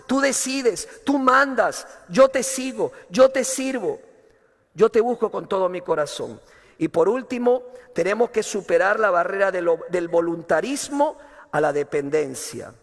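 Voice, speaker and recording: A man's voice: high voice, a bit bright, in a large hall. A male pastor preaching a sermon with passion, acting out a desperate father's pleas.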